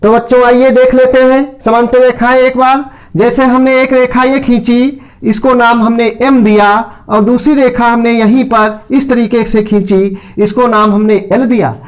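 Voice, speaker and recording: A man teaching a school maths lesson, asking his own questions and answering them step by step. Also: very high voice. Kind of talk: classroom lecture to school pupils.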